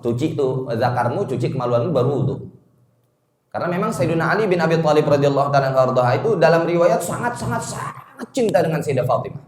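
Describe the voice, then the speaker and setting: Man teaching religion in an echoey room. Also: on the high side. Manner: lively storytelling, chuckles, chants Arabic quotations slowly; casual slangy teaching tone. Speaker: Islamic teacher. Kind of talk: religious study lecture to a congregation.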